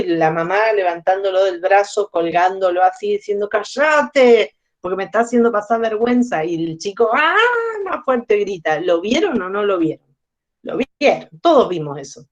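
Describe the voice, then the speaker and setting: Woman lecturing. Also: medium pitch. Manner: explanatory, asks the audience questions. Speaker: psychology lecturer. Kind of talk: lecture to a class. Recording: slightly dull lo-fi sound.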